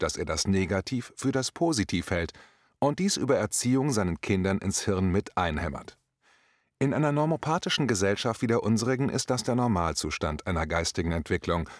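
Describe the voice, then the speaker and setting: A man with a fairly low voice reads a scripted commentary. His delivery is measured and deliberate. The sound is dry and close, with no room around it. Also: no room sound.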